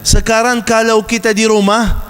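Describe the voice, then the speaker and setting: A man's voice: high-pitched, flat delivery, normal speed, a bit bright, clean tone. A man preaching a sermon, telling stories dramatically and acting out cries and voices. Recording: long hall reverb.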